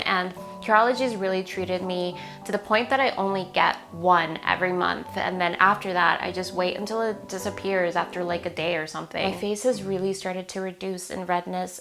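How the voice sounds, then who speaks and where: A young woman in her twenties, a sewing vlogger, chats upbeat to the camera from her small home sewing studio. Her voice is lowish and a bit bright, though slightly worn, as if she's losing it a little.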